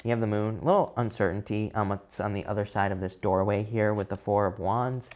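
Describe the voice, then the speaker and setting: A man's voice: lowish voice, fairly even intonation, fairly quick, a little mellow. A man giving a casual tarot reading, talking in loose, rambling sentences full of fillers and restarts. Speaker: tarot reader.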